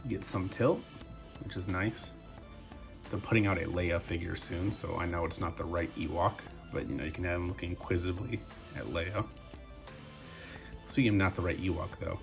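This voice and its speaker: A man's voice: low-pitched, creaky. A young man with a congested voice, breathing through his mouth as he chats casually through a toy review. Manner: relaxed, chatty, addresses viewers as guys.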